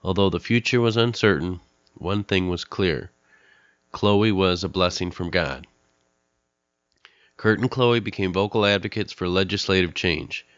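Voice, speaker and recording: A middle-aged man hosts a podcast, introducing a guest in a monologue. His deep, slightly bright voice sounds nasal and stuffed-up from a cold, and he speaks earnestly and candidly, pausing with fillers. The recording is dry and lo-fi.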